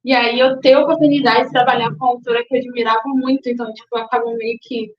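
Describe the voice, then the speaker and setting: Speaking fast in a fairly high, level voice, this young guest from Salvador, Bahia, Brazil, a book influencer, responds to interview questions with thought and some hesitation. The audio sounds echoey and dull, like a lo-fi recording.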